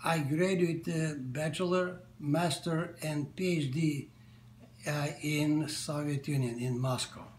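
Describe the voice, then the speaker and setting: A man in his seventies with a Bulgarian accent, whose first language is Bulgarian, answers interview questions in a halting way, with many fillers and restarts, from a living room sofa. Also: fairly high pitch, steady tone, a little mellow, slight background noise. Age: 70s. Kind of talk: casual interview. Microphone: camera at medium distance. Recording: echoey room.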